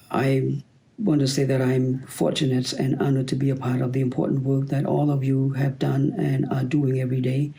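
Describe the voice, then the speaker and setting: Gravelly Cambodian-accented man, halting speech. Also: mid-range voice, mellow. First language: Khmer. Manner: halting, with many fillers. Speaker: award recipient. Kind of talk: acceptance speech.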